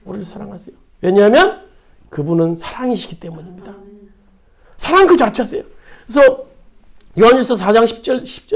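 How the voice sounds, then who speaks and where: A woman pastor preaching a sermon, repeating phrases for emphasis and putting rhetorical questions to her congregation. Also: fairly high pitch.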